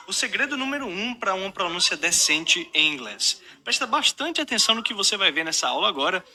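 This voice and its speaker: A Brazilian man, an English teacher, pitching his course and teaching a lesson, talking straight to the viewer. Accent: Brazilian Portuguese. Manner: animated, talks straight to the viewer.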